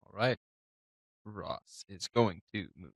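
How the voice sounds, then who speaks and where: A man at a tabletop game table, calling out rolls and cracking quick remarks about them. His voice sits on the low side, and the sound is dry and close with no room echo. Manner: quips and comments on rolls. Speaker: player.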